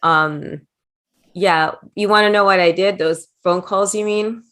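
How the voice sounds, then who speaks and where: A woman's voice: mid-range voice, steady tone, unhurried, fairly bright tone. A middle-aged woman guest in a casual interview, telling chatty anecdotes and slipping into quoted voices. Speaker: interview guest, former wrestling manager.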